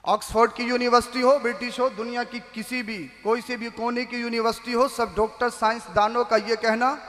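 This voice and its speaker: A man preaching at a religious gathering, his voice very high and bright. He is impassioned and sweating in the heat, rising to shouts and calling on the listeners to answer back. Long reverb of a large hall trails each phrase. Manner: impassioned, rises to shouts and calls for responses.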